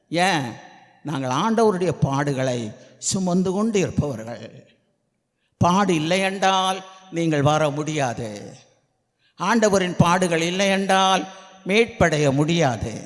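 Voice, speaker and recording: A man with a Tamil accent preaches in a high voice at an unhurried pace, repeating his pleas until they swell into shouted prayer. His voice rings through a church prayer hall with a long reverb tail and a faint hum of ambient noise behind it. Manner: repetitive, pleading, builds to shouted prayer. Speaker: pastor. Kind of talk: sermon and loud congregational prayer.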